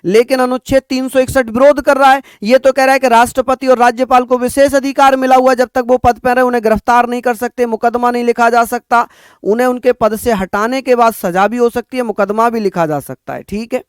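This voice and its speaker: A man from northern India teaching an exam-prep lecture, repeating points slowly for students to write down. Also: very high-pitched, fairly even intonation, clean tone, dry recording, clean studio sound. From Uttar Pradesh, India. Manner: addresses students as bhaiya, repeats points for dictation.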